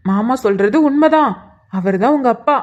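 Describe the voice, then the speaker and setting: Cartoon role: a woman playing a soft-spoken aunt coaxing a child, high voice, dull lo-fi recording. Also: animated, normal speed, lightly acted. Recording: dull lo-fi sound.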